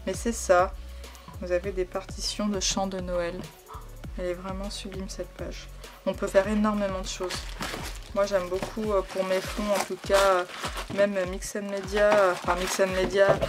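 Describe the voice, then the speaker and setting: An enthusiastic woman unboxing craft supplies in a casual, gushing chat, full of hesitations and repeated praise. Her voice sits at a medium pitch. Music plays clearly behind her throughout. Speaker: scrapbooking vlogger. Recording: background music under the voice.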